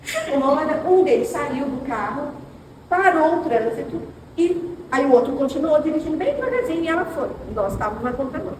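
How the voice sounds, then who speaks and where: A middle-aged Brazilian woman leads a women's church class, her high voice moving fast as she tells stories and speaks to her "sisters." She sounds distant from the mic, her voice echoing through a roomy hall over steady background noise. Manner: animated storytelling, addressing listeners as sisters. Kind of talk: informal teaching with personal stories.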